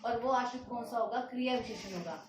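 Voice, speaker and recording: A woman teaching a grammar lesson with a fairly high voice. She explains patiently, repeating each example and posing questions she then answers. The recording is distant, in a very echoey room. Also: fast, a little hiss or hum.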